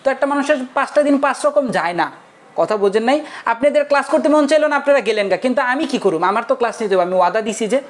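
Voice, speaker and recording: A man's voice: very high voice, expressive, racing. A young male teacher giving a casual online lecture, chatty and forever checking whether his students have understood. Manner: chatty, keeps asking students if they understood.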